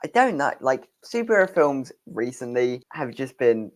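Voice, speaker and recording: A man's voice: medium pitch, very animated, moderate pace. A man with a British accent co-hosting a film podcast, laid-back and a little dismissive, laughing at himself. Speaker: podcast co-host. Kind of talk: casual film news chat.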